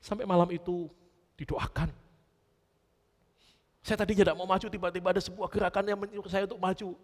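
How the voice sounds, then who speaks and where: High-voiced male pastor in an echoing church. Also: fast talker. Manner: animated storytelling, often addressing listeners as brothers and sisters; swings between loud emphasis and hushed lines. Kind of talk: storytelling sermon. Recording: long church reverb.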